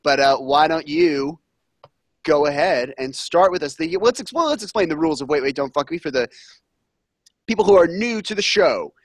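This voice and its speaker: A man hosting a comedy podcast, his voice sitting a little high for a man. He rambles from joke to joke with animated energy. The sound is close and dry, with no room around it. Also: moderate pace, no echo. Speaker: podcast co-host.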